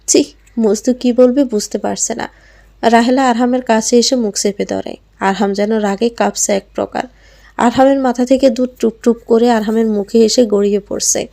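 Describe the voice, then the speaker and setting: A woman's voice: fairly high pitch, mellow. A woman narrating a romantic audio story, reading every character in her own voice with a touch of acting.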